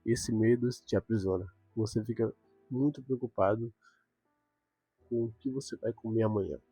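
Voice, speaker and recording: A man's voice: on the low side, fairly even intonation, normal speed, dark tone, slightly rough, no echo, soft background music. A young man giving an earnest devotional talk, repeating words for emphasis.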